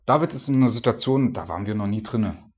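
Husky man preaching casually. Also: lowish voice, animated, quick pace, lo-fi sound. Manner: informal, frequent fillers and tag questions. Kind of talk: conversational sermon with Bible reading.

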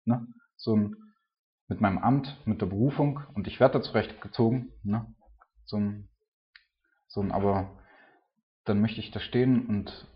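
A man's voice: on the low side, a little slow, pauses often. A man preaching an informal sermon, talking casually and filling his sentences with "ne" and "so". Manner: casual, filler-heavy, with frequent "ne" and "so". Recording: dull lo-fi sound.

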